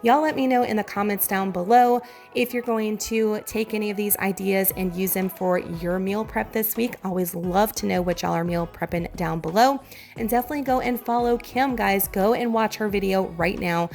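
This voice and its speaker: Casting: woman, Southern US accent, upbeat home-cooking vlogger, mid-pitched, congested gravelly voice that is giving out. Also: moderate pace, a little mellow, faint music behind. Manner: chatty, enthusiastic, addresses viewers directly. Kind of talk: casual meal prep voiceover.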